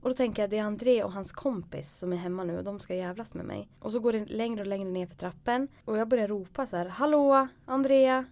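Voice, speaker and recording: A young woman telling a childhood ghost story in casual chat, animated and acting out her own lines. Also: mid-range voice, few pauses.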